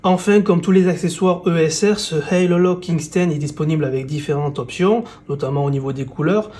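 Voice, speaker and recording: A man presenting and unboxing phone accessories in a casual, relaxed way, with frequent fillers. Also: a little high, brisk. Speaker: tech reviewer.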